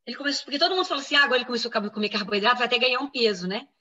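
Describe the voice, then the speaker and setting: A woman's voice: a little high, very fast, highs cut off. A woman physician in an interview, explaining a medical case and acting out what others said. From Brazil. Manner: explanatory, quoting others in lively reenactment. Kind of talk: interview answers, personal medical account.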